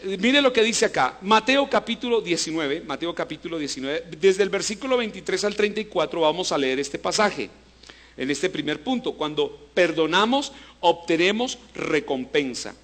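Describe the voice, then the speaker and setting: A male pastor preaching a sermon, asking the congregation to repeat after him and swinging between loud emphasis and low, hushed lines. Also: expressive, moderate pace. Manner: preaching with call-and-response to the congregation.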